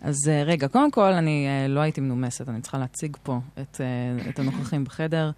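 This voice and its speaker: A woman's voice: extremely low pitch, a little mellow. A woman hosting a casual live radio interview in a studio. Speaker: radio host.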